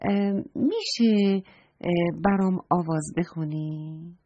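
A woman's voice: fairly low pitch, dark tone, no room sound. A woman voicing a curious young boy who politely asks around about a birdsong, on a dull lo-fi recording. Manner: eager, polite questioning.

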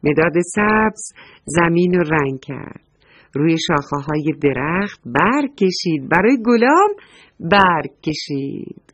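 A woman's voice: sits low, animated, dry recording. A woman reading a story aloud to young children, talking to them fondly and asking them questions. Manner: affectionate, asks the children questions.

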